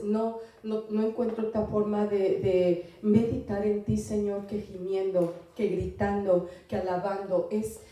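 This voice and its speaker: A woman preaches a sermon in a church hall, her mid-range voice dark in tone and her throat strained. She pauses often with fillers and asks the congregation questions. She's far from the mic, and the hall is very echoey.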